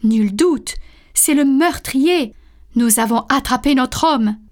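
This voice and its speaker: Woman doing a cop in a storybook, sure of himself, exclaiming, highish. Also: slow. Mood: triumphant. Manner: exclaiming, certain. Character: triumphant male police officer. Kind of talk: storybook reading.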